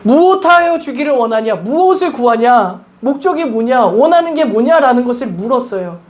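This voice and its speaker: A guest pastor, a woman, preaches at a church service, earnestly and emphatically telling stories while repeatedly putting questions to the congregation. Her fairly high voice is expressive and a little mellow, at normal speed.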